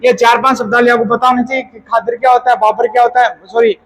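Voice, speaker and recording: A man with a very high-pitched voice gives an exam-prep lecture. He drills key terms by asking them back as questions. He often stops to correct his own slips. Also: little pitch movement, fast talker, fairly bright tone, poor audio. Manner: casual explaining tone. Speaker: teacher.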